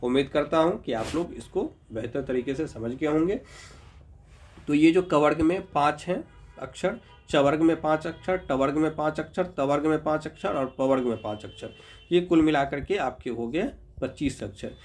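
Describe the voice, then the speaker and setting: A slightly high, darkish male voice belongs to a patient grammar teacher giving an explanatory lesson. He sounds out letters slowly and repeatedly, checks in with "ठीक है," and calls his viewers "Babu."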